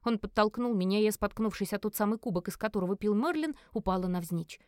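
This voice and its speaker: A woman narrating a first-person fantasy audiobook with an expressive, dramatic reading. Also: mid-range voice, fast, clean tone, no room sound, studio quality.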